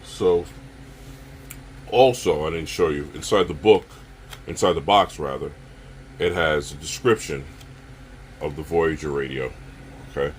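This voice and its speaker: Speaking in a deep voice, this man walks viewers through a product like a reviewer would, relaxed and hesitant as he addresses them head-on. A steady, noticeable background noise resembling room hum runs throughout.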